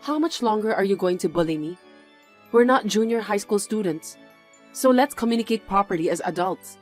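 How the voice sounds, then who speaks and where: A composed single mother keeps her temper and speaks in a measured, reasonable way, as a woman voices her. Her pitch moves freely across each line in this dubbed drama. Faint music sits under her voice. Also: animated, lightly acted. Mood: reproachful.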